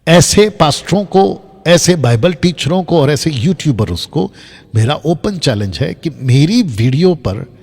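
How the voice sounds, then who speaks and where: Husky guy teaching off slides, keeps repeating himself, asks then answers, echoey room. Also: a little high, lively intonation, unhurried, darkish tone. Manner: emphatic, repeats points and asks rhetorical questions. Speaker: Bible teacher on a video channel.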